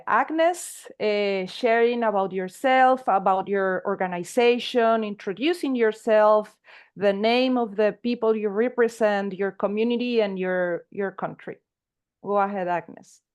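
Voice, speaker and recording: A woman's voice: medium pitch, unhurried, darkish tone, clear, resonant tone. A woman moderating an online webinar over a video call, speaking with many fillers and restarts.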